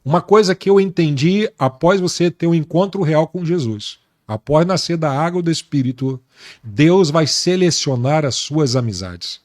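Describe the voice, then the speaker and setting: A male pastor giving his personal testimony in an interview, speaking earnestly and slowly with emphatic repetition. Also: on the high side, lively intonation, darkish tone. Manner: earnest, slow and emphatic, repeating words for weight.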